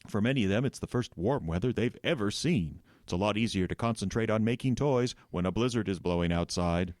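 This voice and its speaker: Man playing deep-voiced kindly old Santa Claus. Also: brisk, a little mellow, dry recording, studio quality, lightly acted. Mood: weary, folksy. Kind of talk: radio comedy drama acting.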